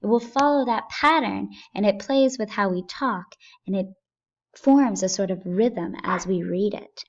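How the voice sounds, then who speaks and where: A woman's voice: medium pitch, unhurried. A woman teacher explaining poetry step by step, patiently thinking aloud and asking herself questions as she goes. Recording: dull lo-fi recording.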